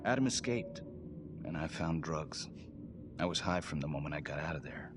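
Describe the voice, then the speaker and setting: An actor playing a desperate male death-row inmate who swings between hushed whispers and sudden shouts, in a video game cutscene. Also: very deep voice, expressive, moderate pace, noisy background. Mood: confiding. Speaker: prisoner. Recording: game audio with loud background music.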